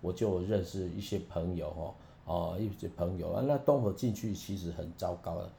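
A man, a minister speaking in a slow prayerful, sermon-like way with soft drawn-out particles. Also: low-pitched, vocal fry. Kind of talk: prayerful talk. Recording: roomy with faint hum.

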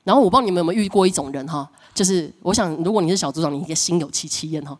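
Animated woman pastor preaching. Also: on the low side, racing. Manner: animated storytelling, acts out quoted voices, laughs often. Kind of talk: sermon.

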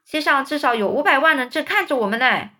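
A woman's voice: high voice, animated, quick pace, pushed and bright, voice pushed up. A woman doing a shrieking scared fire chief. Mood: panicky yelling. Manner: shrieking, panicky. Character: screeching frightened male fire chief.

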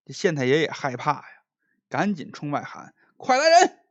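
A man's voice: a little high, dry recording. A man performing a traditional spoken folk tale with dramatic flair. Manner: animated, dramatic pauses and rises. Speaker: storyteller. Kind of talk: traditional oral storytelling.

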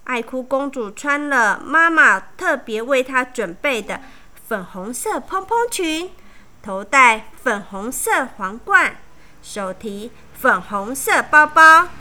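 A woman reads a children's picture book aloud with slow, clear, animated storytelling. Her voice is high and bright, and she takes her time over each line.

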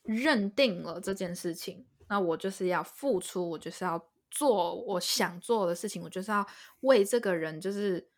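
A woman's voice: medium pitch, normal speed. A woman hosting a podcast, chatting expressively and laughing easily. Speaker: podcast host. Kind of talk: casual chat.

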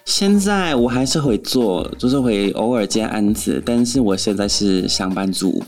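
Low-voiced North American man speaking Mandarin as a foreigner. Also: lively intonation, moderate pace, darkish tone. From Canada. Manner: frank, opinionated. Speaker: interview guest, actor and office worker in marketing. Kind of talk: casual interview chat.

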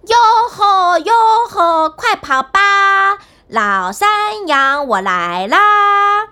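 A carefree young fool from a children's storybook, hollering in a high, bright voice with lively leaps in tone, as a woman storyteller puts him on. He stretches his calls out long and sounds delighted with everything. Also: exaggerated voice. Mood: gleeful, loud. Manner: shouting gleefully, drawn-out calls. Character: foolish cheerful young man, loud and carefree.

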